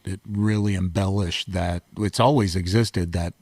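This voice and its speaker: A man's voice: low-pitched, unhurried, breathy edge, dry recording. A man co-hosting a podcast, chatting and laughing easily in casual conversation. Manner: laughs often, animated. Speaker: co-host.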